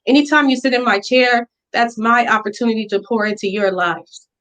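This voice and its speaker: A woman presenting a pitch for her hair salon in an earnest, heartfelt way. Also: a little fast, fairly bright tone, poor audio. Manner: earnest and emotional, fighting back tears at times. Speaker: business pitch contestant, hair stylist. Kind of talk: virtual business pitch presentation.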